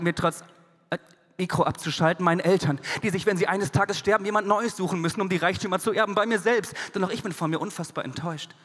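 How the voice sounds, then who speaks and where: Husky high-voiced man at a poetry slam. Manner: dramatic delivery swinging from hushed to loud. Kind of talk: rhymed spoken-word poetry slam. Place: stage of a large concert hall. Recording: long concert-hall reverb.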